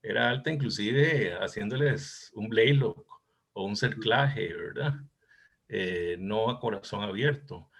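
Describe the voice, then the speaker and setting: Man, 60s, cardiologist in a seminar: slow, husky, lower voice, hesitant and reflective. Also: a bit bright. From Costa Rica. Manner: thoughtful, reminiscing, hesitant. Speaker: cardiologist discussing a case presentation. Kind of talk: academic case discussion.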